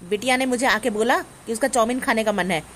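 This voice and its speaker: A woman's voice: fairly high pitch, fast talker, a bit bright, slight background noise, lightly acted. A woman playing a bossy, doting middle-aged mother-in-law who scolds her daughter-in-law in a family comedy skit. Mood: scolding. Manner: scolding, commanding.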